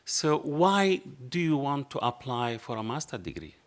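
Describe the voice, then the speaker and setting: A middle-aged man with a strong Arabic accent sits at a panel table in a dark lecture hall, passionately telling an anecdote and acting out both sides of a conversation, with non-native phrasing. His medium-pitched voice swings widely in pitch at normal speed, picked up by a table microphone.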